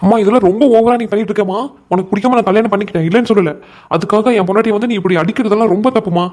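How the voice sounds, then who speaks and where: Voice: medium pitch, rapid-fire, darkish tone, close to an everyday voice. A voice actor playing a meek young husband in a cartoon comedy, pleading and apologetic. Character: meek young husband caught between wife and mother.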